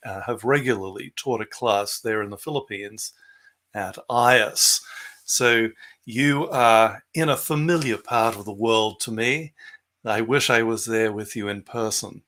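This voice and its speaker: A man from Southeast Asia giving an earnest, measured church presentation with slides over a video call. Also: mid-range voice, bright, forceful tone. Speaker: guest speaker, scientist.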